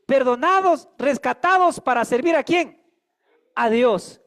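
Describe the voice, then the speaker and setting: A man's voice: very high voice, animated, measured pace, a bit bright. A man preaching a sermon as pastor, emphatic and calling on the congregation to repeat after him.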